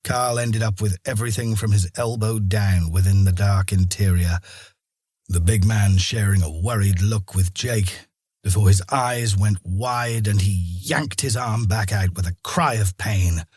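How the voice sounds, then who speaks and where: A man narrating a fantasy audiobook in a steady storytelling manner. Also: on the low side, unhurried, breathy edge, no room sound, studio quality, faint music behind. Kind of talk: scripted narration.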